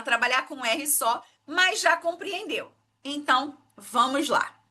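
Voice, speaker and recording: Woman teacher, clear, high-pitched, explains patiently and keeps checking the class follows. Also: bright, forceful tone. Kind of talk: exam-prep lesson.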